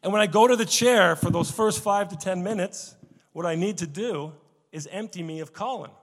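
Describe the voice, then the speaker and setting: High-voiced man preaching in an echoing hall. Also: normal speed. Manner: animated preaching with sudden swings from hushed to loud. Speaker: pastor. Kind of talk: sermon. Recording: long echo of a church hall.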